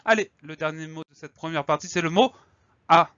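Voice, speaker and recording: A man teaching a spelling lesson, speaking slowly and clearly and spelling each word out letter by letter. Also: a little high, a bit bright, dull audio.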